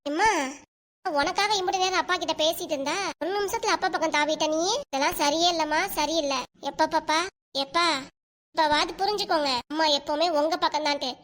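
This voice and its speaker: A woman's voice: very high voice, fairly even intonation, a bit bright. A woman voicing a young cartoon daughter who argues and pleads with her father, with a Kanyakumari Tamil accent. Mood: pleading. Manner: rapid, pleading and argumentative. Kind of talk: cartoon voice acting.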